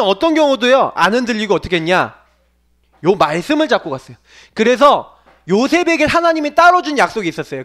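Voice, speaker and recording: A man's voice: extremely high pitch, a bit bright. A man preaching a sermon to young people, asking the listeners question after question and acting out quoted lines. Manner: asks the audience many questions, acts out quoted voices. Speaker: pastor preaching to youth.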